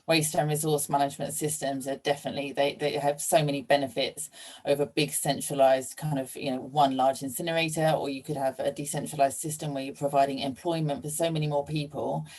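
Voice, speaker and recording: A woman's voice: low-pitched, little pitch movement, brisk, a little mellow. A woman hosting an online webinar, speaking in a friendly, affirming way with plenty of ums. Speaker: webinar host. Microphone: video call.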